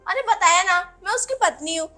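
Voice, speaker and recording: A woman playing a cheeky, high-voiced secret wife. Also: animated, normal speed, sharp tone, faint music behind, heavily acted. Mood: insistent. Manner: coaxing, cheeky, insistent. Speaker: comedy sketch actor. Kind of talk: comedy skit acting.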